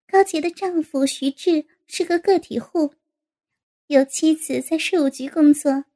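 A woman narrating a story in a steady, even reading voice. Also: sits high.

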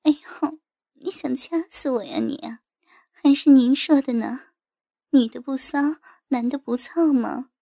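A woman's voice: sits high, unhurried, vocal fry, warm tone, no echo, studio quality, heavily acted. A woman doing a coy, cooing young woman. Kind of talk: storybook character voice.

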